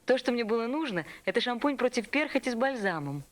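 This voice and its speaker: A woman's voice: on the high side, very animated, fast talker. A woman playing a busy live news presenter in a scripted commercial testimonial. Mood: earnest.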